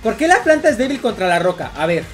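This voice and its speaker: A woman's voice: medium pitch, very animated, fast talker, faint music behind. A woman with a Mexican accent giving casual, profane commentary while playing a video game, repeating herself as she rants. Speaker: gaming streamer.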